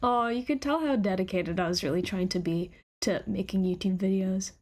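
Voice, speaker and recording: A woman's voice: medium pitch, brisk, darkish tone. A woman live-streaming a reaction to her own old videos, chatting casually in a giggly, scattered, self-mocking way.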